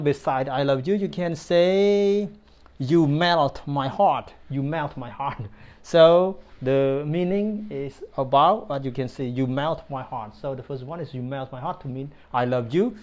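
A man in his thirties with a Cambodian accent and Khmer as his first language, teaching English to camera in deliberate, repeated phrases. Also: fairly high pitch. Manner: slow, deliberate phrasing with repetition. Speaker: English teacher, channel host. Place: indoor room in front of a display screen.

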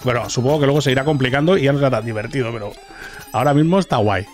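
A man's voice: medium pitch, rapid-fire. A man with a Castilian Spanish accent giving casual, sweary gameplay commentary, talking to himself as he plays. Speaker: gaming streamer. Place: small indoor streaming room. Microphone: boom-arm microphone close up. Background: video game music.

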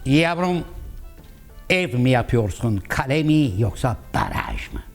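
A man's voice: medium pitch, huge pitch swings, measured pace, gravelly, faint music behind, pitched below the performer's own voice, exaggerated voice. A man voicing a boozy older man who teases children on a beach in a mock-grand way. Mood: teasing.

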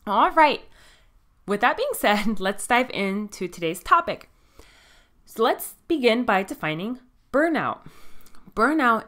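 A woman's voice: medium pitch, a bit bright. Miami-accented woman hosting a podcast. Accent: Miami American. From Miami, United States. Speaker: podcast host. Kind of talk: scripted solo podcast talk.

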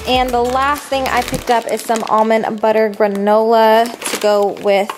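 A young adult vlogger walks through her grocery haul in a casual, slang-heavy voice-over. Her voice is fairly high but flat, her pace measured, and there's noise in the background.

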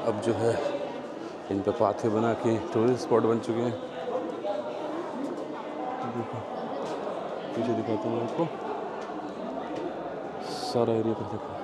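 A travel vlogger walks through a busy tourist cave, chatting and pointing things out to viewers while a crowd of tourists chatters behind him. His voice is on the low side, flat, and slow, with long pauses.

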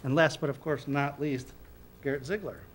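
Middle-aged guy reading a proclamation at a podium, bit higher voice, faint room hum. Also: steady tone, moderate pace. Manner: formal reading with small slips and self-corrections. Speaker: village board president. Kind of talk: reading proclamations at a council meeting. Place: village board meeting room. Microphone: podium microphone.

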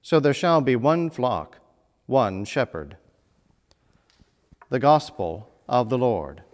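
Lively priest in a reverberant church. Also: male voice, mid-range voice. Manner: measured, lively preaching with emphatic phrasing. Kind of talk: sermon. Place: small church chapel with stone wall. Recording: long reverb of a church hall.

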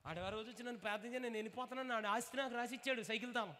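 A man preaching a lively revival sermon, calling for responses and acting out short comic dialogues. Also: extremely high pitch, racing, in a large hall. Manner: animated, acts out dialogues in put-on voices, calls for responses.

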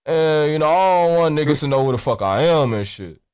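A young American man pulls a prank call from his indoor streaming desk, wearing a headset and speaking close to a pop-filtered studio mic. His fairly high voice is animated and brisk, a little mellow, clear, and resonant, as he rambles in casual street slang, nonchalant and profane.

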